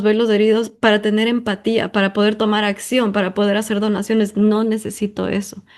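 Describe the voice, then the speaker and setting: A woman's voice: medium pitch, a little mellow. A woman from Ecuador, hosting a personal monologue in an emphatic, talkative way full of intensifiers and fillers. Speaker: podcast host.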